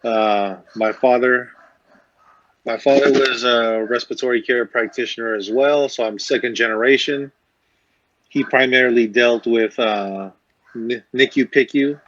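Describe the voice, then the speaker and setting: A man's voice: medium pitch, steady tone, measured pace, a bit bright, lo-fi sound. A man born in the Philippines, a respiratory therapist, answering interview questions plainly over a video call.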